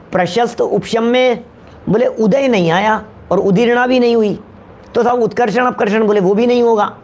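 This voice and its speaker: High-voiced man teaching a class. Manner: repeats points, calls on listeners by name, asks "क्या?". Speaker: teacher of scripture. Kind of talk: lecture to a class.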